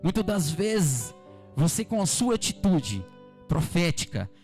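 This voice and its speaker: Brief: Brazilian male pastor, high voice, fervent repetitive exhortation, faint music underneath. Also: sing-song, a little slow, darkish tone. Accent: Brazilian Portuguese. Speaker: preacher. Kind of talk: evening church sermon. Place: church service.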